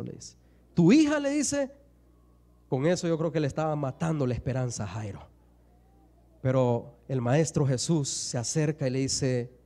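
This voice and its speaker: A pastor preaches to his congregation in a church, his high, lively voice sweeping up and down. The tone is mellow rather than bright, and he slips into little acted voices for the people in his stories. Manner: preaching with rising and falling emphasis, acting out voices in stories. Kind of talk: sermon. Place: church sanctuary.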